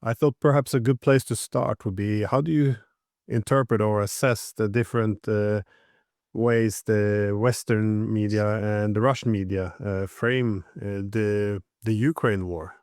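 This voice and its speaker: A man hosting an interview, asking his question hesitantly with many pauses. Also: fairly low pitch, steady tone, a little mellow, dry recording, studio quality. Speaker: host.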